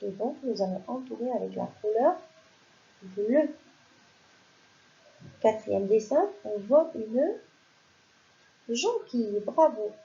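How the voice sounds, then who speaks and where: A woman teaching young children to read, spelling out words slowly and clearly, syllable by syllable. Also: on the high side, expressive, warm tone. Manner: slow, clear, stretches out syllables. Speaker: primary school teacher. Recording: dull lo-fi sound.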